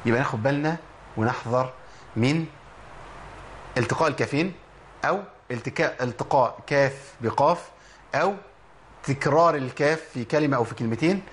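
A man with an Egyptian accent teaching Quran recitation in a lively lesson, quizzing listeners and slowly sounding out letters. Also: medium pitch, slight background noise. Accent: Egyptian Arabic. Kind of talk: spoken tajweed lesson.

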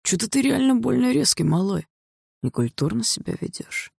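A man's voice: very high voice, sing-song, normal speed, vocal fry, a little mellow, husky, dry recording, clean studio sound, heavily acted. A man voicing a rude, threatening adult street thug in an audiobook, talking in crude slang. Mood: aggressive. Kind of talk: audiobook dialogue reading.

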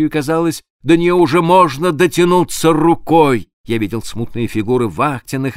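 A man reading a literary audiobook aloud in a dramatic, expressive way, sometimes dropping to a hush. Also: fairly high pitch, smooth, dry recording, studio quality. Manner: expressive, dramatic reading with sudden hushed drops. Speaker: audiobook narrator.

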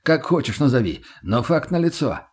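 A man's voice: medium pitch, very animated, normal speed, breathy edge, pitched above the performer's own voice. A man voicing a brash, laid-back young male survivor who talks bluntly in street slang. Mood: offhand.

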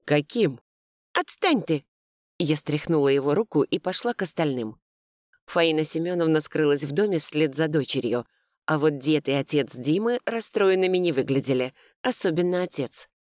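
Low-voiced woman reading an audiobook. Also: moderate pace, no room sound, clean studio sound. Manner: lively, expressive reading. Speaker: audiobook narrator. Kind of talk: first-person audiobook narration.

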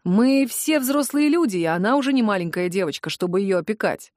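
A self-assured young man speaks slowly and with a mocking edge, as a woman narrator gives him a slightly lower voice. He stays cool and condescending. Dry, close audiobook sound. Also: lively intonation, darkish tone, no echo, lightly acted. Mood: smug. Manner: mocking, unhurried. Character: cocky calm young man, smoking boyfriend.

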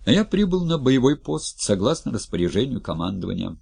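A man voicing a cocky private detective who talks in breezy, mock-military phrases. The voice is gravelly, with a lively rise and fall. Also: mid-range voice, a little fast, voice pushed up, full character voice. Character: brash private detective man, joking bodyguard.

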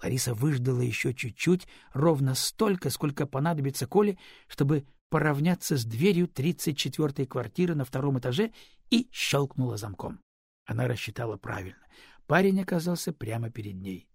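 A man narrating an audiobook in a measured, unhurried reading. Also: mid-range voice, animated, creaky, breathy edge, no room sound, studio quality. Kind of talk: scripted narration.

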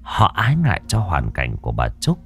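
A man's voice: sits low, huge pitch swings, fairly quick, gravelly, a bit bright, husky, soft background music. A man reading a ghost story aloud in a dramatic, mournful storytelling manner, close to the mic. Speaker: narrator. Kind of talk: scripted ghost-story narration.

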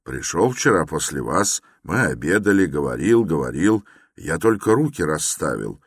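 A man's voice: very deep voice, very animated, normal speed, breathy edge, dry recording, clean studio sound, full character voice. A man putting on a fawning, fussy old investigator. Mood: coaxing, chatty. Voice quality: obsequious, clucking, adds polite "-s" to words. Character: fussy, fawning middle-aged male police investigator.

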